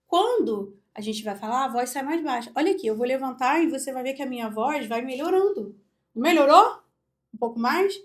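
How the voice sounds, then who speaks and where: A Brazilian woman speech therapist with a high, light voice teaches how to project the voice. She walks through each step and shows it out loud as she goes. Her delivery is hands-on and demonstrative, like a one-on-one coaching session. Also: animated, a little fast, few pauses. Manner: demonstrative, explains step by step, often says "look". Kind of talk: instructional video with live vocal demonstrations.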